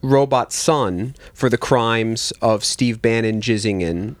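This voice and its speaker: A man's voice: mid-range voice, slow pace, no room sound. A man co-hosting a comedy podcast, teasing and needling the others. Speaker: podcast co-host. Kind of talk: comedic banter.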